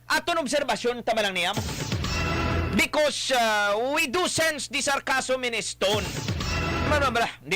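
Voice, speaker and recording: A man hosting a radio commentary show, chatty and wry, with a tag question at the end of many remarks. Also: very high voice. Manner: chatty, sarcastic asides, frequent tag questions. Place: radio studio.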